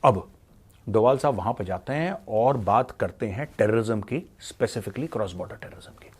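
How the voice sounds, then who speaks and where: A man giving blunt, scornful political commentary, mixing in English phrases and reading quotes out slowly. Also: on the low side, animated, husky. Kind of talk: opinionated commentary.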